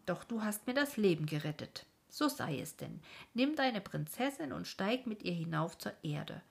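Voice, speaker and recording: A kindly old king of dreams speaks patiently and a little fussily, as a woman reads him aloud. His voice sits somewhat raised and louder than the narration, with a breathy edge. A gentle storybook monarch. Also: medium pitch, very animated, normal speed, exaggerated voice.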